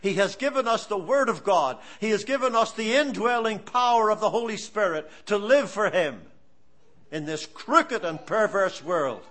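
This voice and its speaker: An Irish man in his seventies preaches a sermon with earnest, animated storytelling and exhortation. His voice is high-pitched and his pace moderate.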